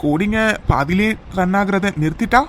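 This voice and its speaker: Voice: mid-range voice, normal speed, a bit bright, close to an everyday voice. A performer voicing a scheming, spiteful young woman rival in a cartoon serial, plotting sabotage. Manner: sly, plotting.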